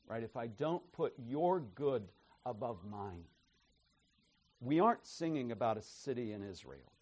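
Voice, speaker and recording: A pastor preaches an expository sermon at medium pitch, emphatic and capping his points with "right?". His volume swings from soft asides to forceful declarations.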